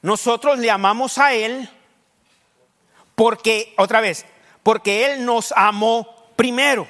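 Male pastor, high voice, sermon in a reverberant church hall. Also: bright, forceful tone. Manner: preaching with questions to the congregation, rushed bursts. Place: church sanctuary.

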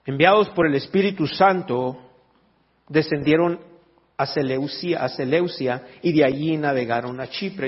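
A man preaching a sermon in a church, reading scripture aloud and breaking off for joking asides to the congregation. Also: a little high. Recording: dull lo-fi recording.

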